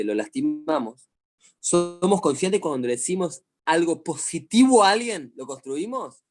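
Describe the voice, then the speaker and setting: A man's voice: medium pitch, a little mellow. A middle-aged man with an Argentine accent teaches a class over a video call. He is a psychologist who tells stories with animation and keeps asking his listeners questions. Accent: Argentine Spanish. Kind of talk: online lecture to a class.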